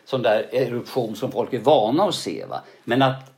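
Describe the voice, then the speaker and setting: An older male actor being interviewed, telling stories in a lively way and often ending sentences with a questioning tag. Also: mid-range voice. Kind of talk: casual interview storytelling.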